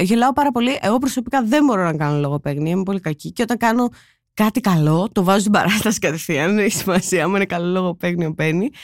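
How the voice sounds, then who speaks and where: Guest spot: young woman comic, lively storyteller, gravelly edge, dry close sound. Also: lowish voice, no room sound. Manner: animated, laughing, quick storytelling with acted quotes. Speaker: stand-up comedian guest. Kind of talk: casual storytelling chat.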